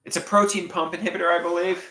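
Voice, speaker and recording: This livestream host, a man in his late thirties with a stuffed nose, chats casually and reads viewer comments aloud in an echoey room. His voice is high-pitched, fast, pushed, and bright, with little pitch movement. Frequent halts, repetitions, and restarts mark his speech.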